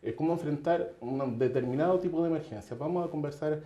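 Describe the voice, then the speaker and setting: A man's voice: on the high side, fast, dark tone, reverberant, muffled recording. A man hosting a TV interview, talking conversationally with fillers.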